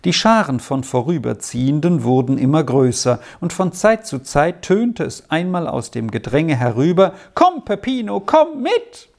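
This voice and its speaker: Gravelly narrator, measured storybook reading, mid pitch. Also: lively intonation, darkish tone.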